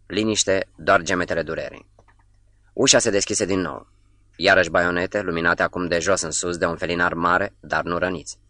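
A man reading a novel aloud in a measured, sombre way, dropping almost to a whisper on the quietest lines. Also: deep voice, fairly even intonation, no room sound. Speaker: narrator. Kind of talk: literary audiobook reading.

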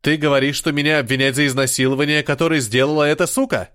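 A man voicing Ragen, a violent, hot-tempered male protector who snarls and shouts fast, in an audiobook. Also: fairly high pitch, fairly even intonation, natural voice. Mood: furious.

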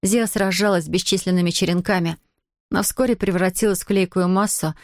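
Low-voiced woman narrating a storybook. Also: steady tone, fairly quick, dry recording, studio quality. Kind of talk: audiobook narration.

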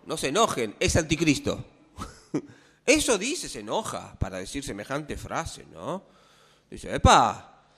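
Brief: male pastor, conversational sermon, slow and measured, lots of questions to the pews. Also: mid-range voice, big pitch swings, fairly bright tone, slightly rough. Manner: conversational, asks the congregation questions. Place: church.

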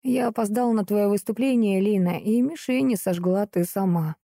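A woman reading the lines of a calm, serious young male dark mage, explaining in a level, steady way. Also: mid-range voice, moderate pace, dry recording, clean studio sound, close to an everyday voice. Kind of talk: audiobook character reading.

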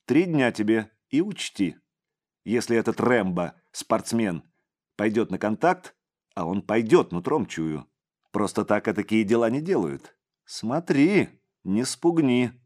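A domineering middle-aged crime boss, voiced by a man reading a storybook, who scolds and barks orders at his men. His low voice swings widely in pitch as he snaps each command. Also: sing-song, unhurried, darkish tone.

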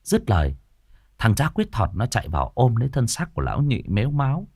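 A man narrating a ghost story in a steady, lively way. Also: mid-range voice, fast talker, vocal fry, husky, no room sound, studio quality. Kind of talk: scripted narration.

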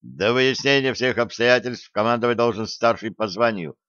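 A man's voice: medium pitch, moderate pace, fairly bright tone, clean tone, no echo, muffled recording, close to an everyday voice. A man reading a tense young tank officer. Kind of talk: audiobook character reading.

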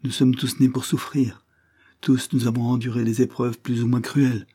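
A man's voice: medium pitch, flat delivery, moderate pace, dark tone, breathy edge, pitched above the performer's own voice, close to an everyday voice. A man reading aloud and voicing a noble young woman worn down by grief, sorrowful and bitter. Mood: grieving.

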